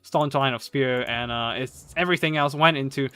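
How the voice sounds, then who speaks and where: Bright-voiced man casting game replays. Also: mid-range voice, normal speed, clean tone. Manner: rambling with many fillers and restarts, bursts of excitement; swears casually. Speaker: game caster. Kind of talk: casual replay commentary.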